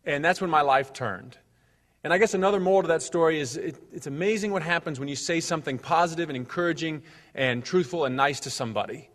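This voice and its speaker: Upbeat motivational speaker in a reverberant hall. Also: male voice, fairly high pitch, fast, a bit bright. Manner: upbeat, joking, gets the audience to repeat phrases. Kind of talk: motivational speech to a live audience. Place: large hall with an audience.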